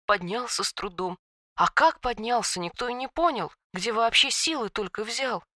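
A woman voicing a grieving female dragon who speaks in hushed, tearful, theatrical tones. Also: medium pitch, normal speed, no echo, studio quality, lightly acted.

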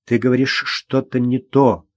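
A man voicing a gentle young screenwriter who speaks softly to calm a quarrel in an audiobook. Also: mid-range voice, unhurried, lo-fi sound, close to an everyday voice. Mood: placating. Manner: soft, soothing, conciliatory. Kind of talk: audiobook character voice.

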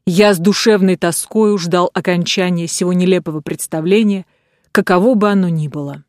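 A woman reading a novel aloud in an even, measured way. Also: lowish voice, no room sound, studio quality. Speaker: audiobook reader. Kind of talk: scripted narration of a novel.

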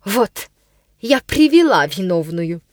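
A woman's voice: medium pitch, sing-song, slow, no room sound, clean studio sound, voice pushed down. A woman voicing a furious middle-aged governess who shrieks accusations in a storybook reading. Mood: triumphant.

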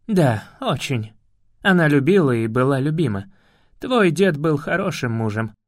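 A man's voice: a little high, big pitch swings, measured pace, no room sound, clean studio sound. A man reading an audiobook voices a lovelorn, stern male elf guardian, speaking in an earnest, grave way. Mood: wistful.

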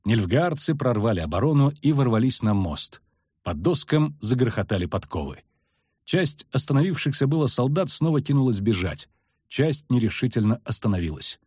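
A man narrating a fantasy audiobook with dramatic, expressive delivery. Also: medium pitch, moderate pace, husky, dry recording, clean studio sound.

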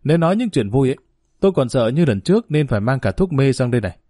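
A man voicing a hospital doctor who gives quick, matter-of-fact instructions. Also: medium pitch, sing-song, mellow, no room sound, clean studio sound. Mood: brisk. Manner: brisk, instructive. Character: brisk male hospital doctor.

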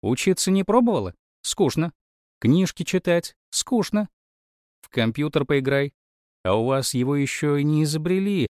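A man voicing a calm, clever boy who reasons politely with a wry edge. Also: on the high side, moderate pace, dry recording, clean studio sound, voice pushed up, lightly acted. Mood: reasoning. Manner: polite, reasoning, mildly ironic.

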